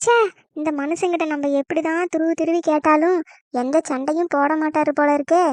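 Very high, dry-voiced scheming young wife, as a woman voices her. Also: steady tone, fairly quick, a little mellow, dry recording, close to an everyday voice. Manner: sly asides, then fake tearful complaints. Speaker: daughter-in-law. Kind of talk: cartoon comedy voice acting.

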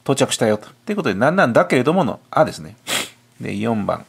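Husky man explaining an English test. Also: medium pitch, very animated, fast. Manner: talks himself through answers, muttering asides. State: has a cold. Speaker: cram school teacher. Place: tutoring classroom.

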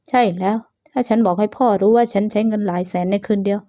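A woman's voice: mid-range voice, fast, dark tone, close to an everyday voice. A woman voicing a weak-willed young man who talks evasively and half-apologetically. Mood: apologetic.

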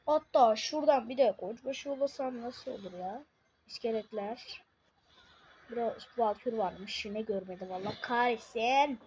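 Excitable woman commenting on her game. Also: fairly high pitch, normal speed, husky, highs cut off. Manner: excitable, swings between muttering and shouting. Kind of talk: live gameplay commentary.

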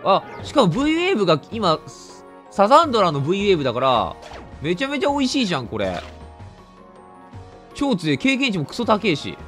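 A man with a Kansai accent giving joking, lively let's play commentary as a game streamer. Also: high-pitched, a little fast, pauses often, faint music behind. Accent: Kansai Japanese. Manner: joking, exaggerated indignation, lively reactions.

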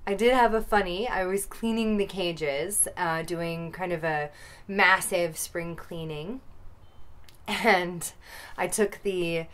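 Woman, 30s, casual vlogger, lowish pitch, chatty and playful, recorded outdoors close to camera. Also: a bit bright. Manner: chatty, playful, quick asides. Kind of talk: casual chat. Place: outdoors by rabbit hutches in a yard.

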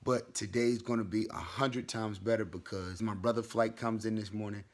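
A man's voice: on the low side, fairly even intonation, normal speed, echoey room. A young man chatting casually in a vlog, slangy and laid-back, laughing often with friends. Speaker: vlogger, groom-to-be.

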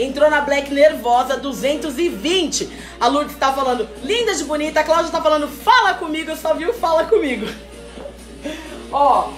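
A woman hosting a live stream sale, chatting and teasing as she reads out viewer comments. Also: high-pitched. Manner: lively, chatty and teasing, calls viewers "mulher". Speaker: host selling wigs on a live stream. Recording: echoey room with faint music. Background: faint background music.

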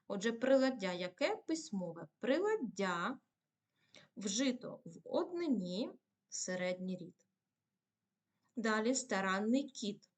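A woman teacher giving a patient video lesson to primary pupils, asking questions and answering them herself. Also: medium pitch.

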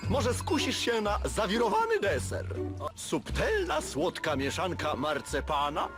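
A man voicing a scheming cartoon villain who poses as a candy seller, delivering an ornate, flowery sales pitch. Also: huge pitch swings, measured pace, over music, exaggerated voice. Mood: honeyed, scheming. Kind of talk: dubbed cartoon acting.

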